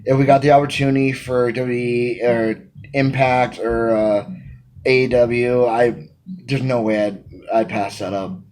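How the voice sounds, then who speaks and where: At a measured pace and medium pitch, a wrestling manager in his thirties reads interview questions and answers them with emphasis, gesturing frequently. He's at home in a small room, recording on a phone camera at arm's length, and the sound is rough.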